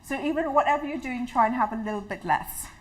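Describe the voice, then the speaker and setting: Speaking to a live audience in a community hall, this Trinidadian woman gives an interactive health talk in a warm, chatty, personal style, frequently restarting her sentences. Her slightly high voice moves fast, and the rough recording carries a little hiss or hum.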